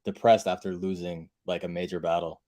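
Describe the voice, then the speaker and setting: A low-voiced man co-hosting a live-stream chat, rattling off his points quickly. His talk is slangy and loose, with frequent laughs, in a dry, close recording. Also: flat delivery, warm tone, no echo. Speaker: podcast co-host.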